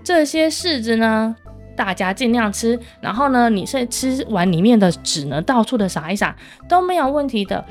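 A woman's voice: a little high, sing-song, normal speed, soft background music. A woman voicing a stingy, fretful old grandfather in a children's story, fussing and exclaiming. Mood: generous. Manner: fussy, panicky exclamations.

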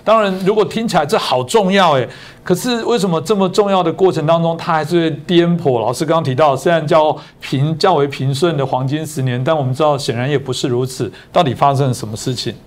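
A male talk show host who speaks in an animated, sarcastic way and presses his points hard. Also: on the high side, quick pace. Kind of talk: political talk show chat.

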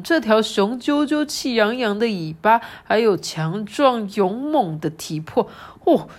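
A woman's voice: on the high side, voice pushed up. A woman voicing a flustered dinosaur father in a storybook, fussing and eager to please.

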